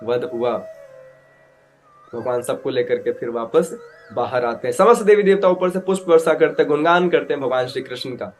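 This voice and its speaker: A man telling a devotional scripture story as a preacher, animated, acting out characters and mixing in English words. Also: medium pitch, moderate pace, a little hiss or hum. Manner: animated storyteller, acts out voices with loud outbursts; mixes English words into Hindi.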